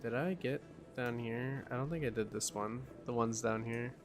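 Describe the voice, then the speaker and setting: A tired young man streams a game, yawning, musing and muttering to himself in casual live-stream chat. His voice is mid-range at normal speed, with game music playing under it.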